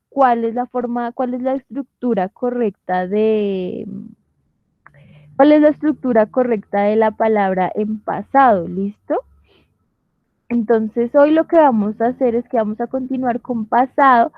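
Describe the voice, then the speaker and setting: A woman's voice: a little high, dry recording, narrow, tinny audio. A woman teacher, patiently explaining step by step in an online class and often checking that students follow. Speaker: English teacher. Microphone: computer mic on video call.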